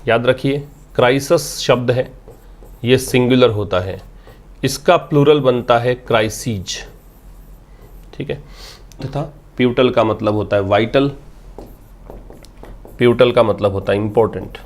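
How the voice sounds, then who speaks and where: A man's voice: mid-range voice, unhurried, long pauses. A man teaching English vocabulary, patiently explaining words and repeating them, asking questions and answering them himself. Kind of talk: vocabulary lesson explaining a newspaper article.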